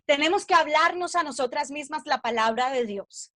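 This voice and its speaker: A woman's voice: sits high, normal speed, fairly bright tone, no echo, clean studio sound. A woman preaching a devotional message to women, earnest and personal, weaving in her own testimony and asking her listeners questions.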